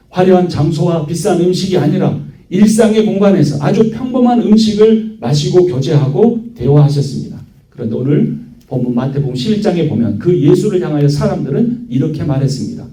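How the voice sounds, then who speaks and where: A man's voice: fairly high pitch, warm tone. A male pastor preaching a sermon, often lifting into a raised, emphatic delivery. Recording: echoey church hall, from a distance.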